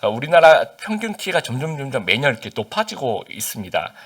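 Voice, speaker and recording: A male pastor from Busan, South Korea, preaches brisk and very animated in a mid-range, fairly bright voice with a breathy edge. His sermon is conversational, loaded with fillers and questions to the congregation, and his Seoul-standard Korean carries a faint Busan accent.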